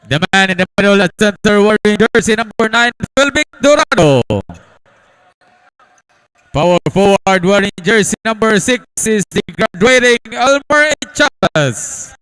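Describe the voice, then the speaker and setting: High, clear-voiced Filipino male arena announcer. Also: expressive, a bit bright, no room sound, poor audio. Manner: showy, drawn-out calling of names. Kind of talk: formal stadium announcement of player introductions.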